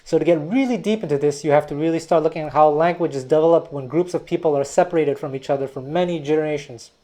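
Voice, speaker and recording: A fast, mellow, fairly high male voice belongs to a music teacher and video host from Quebec, Canada, whose first language is Taiwanese. He gives an educational history talk in a thoughtful, digressive way, often restarting words.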